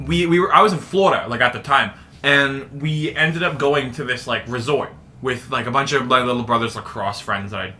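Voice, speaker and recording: A man co-hosting a casual podcast, teasing his friend with dry quips and rarely laughing out loud. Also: medium pitch, brisk, few pauses. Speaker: podcast co-host. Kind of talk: casual chat.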